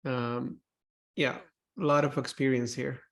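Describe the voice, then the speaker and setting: A man hosting a company talk, thanking the guest and opening questions in a halting way with many fillers. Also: mid-range voice, little pitch movement, gravelly. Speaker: host.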